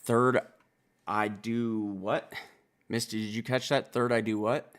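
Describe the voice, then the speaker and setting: A man's voice: mid-range voice, level tone, a little slow, a bit bright, faint music behind. A man reviewing a rap album in casual, profane commentary, calling himself a country boy as he breaks down the lyrics. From Wisconsin. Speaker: music reaction reviewer.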